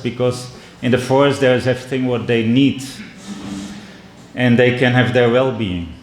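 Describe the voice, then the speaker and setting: Middle-aged dutch guy with a brazilian edge to his english, keynote talk in an echoey hall, pauses and restarts a lot. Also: mid-range voice, a little hiss or hum. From Netherlands. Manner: measured, with frequent restarts and pauses. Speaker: keynote speaker. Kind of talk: keynote speech with storytelling. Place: indoor conference hall.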